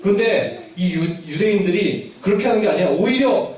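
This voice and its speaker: A man with a high voice, lively intonation, and a darkish tone tells a Bible story to his Sunday school children at normal speed, quizzing them and performing the characters' quotes. A distant mic catches him from afar in a very echoey room, with slight background noise.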